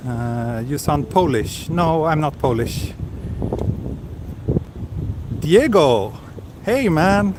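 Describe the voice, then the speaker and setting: A livestream walking vlogger with a fairly high, animated voice chats casually on a city street, speaking extremely slowly with long pauses. He reads viewer comments aloud, full of hesitant fillers. His handheld camera's small recorder mic, fitted with a wind cover, picks up the surrounding street noise and city ambience.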